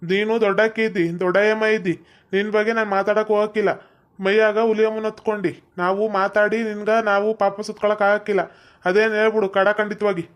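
A woman's voice: mid-range voice, little pitch movement, brisk. A woman with a North Karnataka Kannada accent, scolding and pleading in a village skit. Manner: scolding, pleading, dialect-heavy. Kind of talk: scripted village comedy-drama. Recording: dull lo-fi sound.

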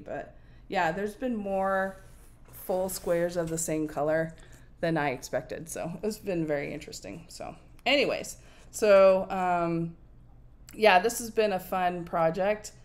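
A woman in her forties, originally from Nova Scotia, talks through her cross-stitch progress in a relaxed, unhurried way. Her voice sits a little low and her pace is slow, and she thinks aloud with frequent ums. She is recorded indoors at home by a camera on her desk. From Nova Scotia, Canada. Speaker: cross-stitch video host. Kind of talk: casual show-and-tell chat. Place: home room with window blinds, indoors. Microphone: fixed camera at desk distance.

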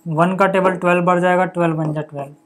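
A man's voice: high voice, steady tone, fast. A male maths teacher talking through a solution step by step. He keeps asking the viewer what comes next and then answers himself, and drops in casual filler words like "okay" and "buddy". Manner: reads out numbers and steps one by one. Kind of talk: step-by-step board lesson.

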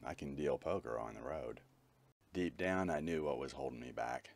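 A man's voice: rumbling low, expressive, normal speed, creaky. A man narrating his own travel vlog as a voice-over, telling his story in a candid, matter-of-fact way. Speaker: vlogger.

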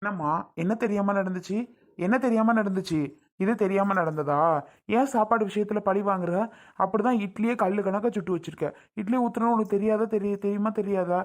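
A woman's voice: medium pitch, brisk, lightly acted. A woman playing a nagging scolding husband. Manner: nagging, shouting interrogation. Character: fussy scolding husband in a comedy skit. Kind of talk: comedy skit acting.

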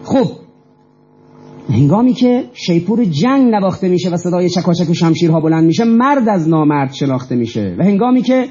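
High-voiced husky man giving a fiery speech. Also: very animated, dark tone, lo-fi sound. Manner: emphatic, rhetorical questions, repeats phrases. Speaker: lecturer. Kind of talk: impassioned speech to an audience.

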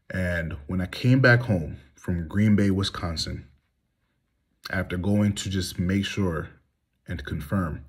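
A vlogger in his thirties, with a very low, husky voice, delivers a candid, heated, blunt monologue with rhetorical questions. He's reclining in a small indoor room, recording selfie-style on a phone at arm's length.

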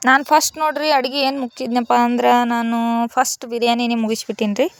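Cooking at home for her vlog, a woman chats casually with viewers, addressing them politely and frequently saying "ri". Her voice is a little high, and she speaks fast.

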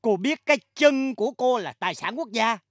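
A woman's voice: fairly high pitch, animated, normal speed, no room sound, studio quality. An actress playing an exasperated music company boss in a sitcom, scolding her staff dramatically. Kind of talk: sitcom acting.

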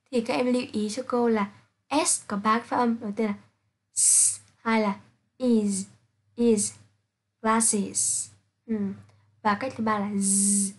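A woman teaching an English pronunciation lesson, reading out sounds and example words slowly and carefully to her students. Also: a little high, husky. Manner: slow, careful, spelling out sounds one by one.

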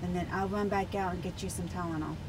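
A woman's voice: on the low side, fairly even intonation, fast talker. A middle-aged American woman chatting casually, giving motherly instructions and repeating them. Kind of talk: casual chat. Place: inside a moving car, filmed from back seat on a phone. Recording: loud car and road noise.

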